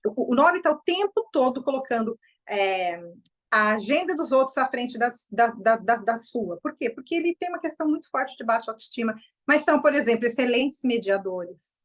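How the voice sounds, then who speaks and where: A middle-aged woman with a Brazilian Portuguese accent giving an informal, animated lecture to a group. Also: a little high, moderate pace. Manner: lively, animated, acts out quoted voices. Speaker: enneagram presenter.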